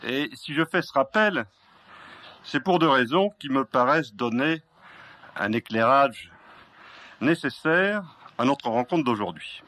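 A man speaking as an interviewer, giving a formal, erudite introduction in measured, carefully built phrases. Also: medium pitch, lively intonation, bright, forceful tone. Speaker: interviewer introducing a guest author.

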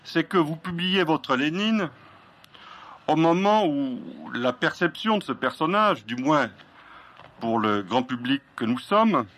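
A man speaking as an interviewer, giving a formal, erudite introduction in measured, carefully built phrases. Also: mid-range voice, fairly bright tone. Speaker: interviewer introducing a guest author.

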